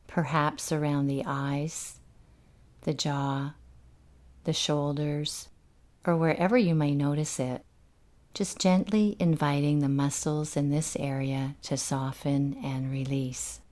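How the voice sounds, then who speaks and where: A woman guides a meditation in a low voice with fairly even intonation. She is gentle, unhurried and soothing, leaving long pauses between instructions.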